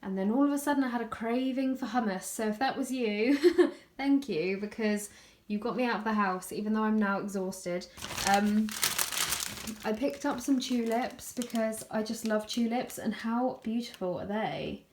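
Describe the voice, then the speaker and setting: A woman's voice: fairly high pitch, steady tone, normal speed, a little mellow, slight background noise. A young woman in her twenties chatting casually in a vlog, tired and out of breath, laughing often between fillers. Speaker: vlogger.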